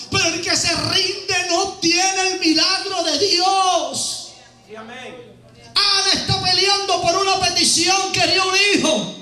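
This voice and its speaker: A man preaching a fiery sermon as an evangelist, shouting and driving his points home with repeated phrases. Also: extremely high pitch. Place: church hall. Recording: echoey church hall with faint music.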